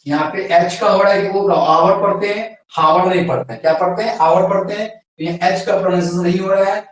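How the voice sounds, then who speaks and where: A man's voice: high voice, fast, recorded from a distance. Indian man teaching grammar in an echoey room. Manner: asks questions and answers them himself. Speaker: English teacher. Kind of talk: classroom grammar lesson.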